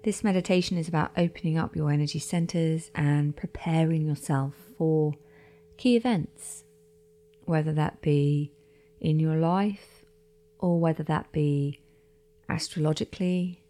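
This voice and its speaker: A woman leading a guided meditation in a slow, soft-spoken voice that often drops into a half-whisper. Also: deep voice, steady tone.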